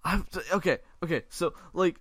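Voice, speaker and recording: A man's voice: high voice, moderate pace, a bit bright, no echo, studio quality. A man co-hosting a casual podcast, rambling with lots of filler words and swearing. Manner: rambling with many likes, swearing. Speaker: podcast co-host.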